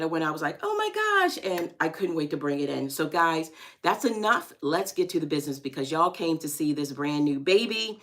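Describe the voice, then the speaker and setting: A woman chatting excitedly in a home sewing vlog, calling her viewers y'all and guys. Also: sits low. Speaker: sewing vlogger.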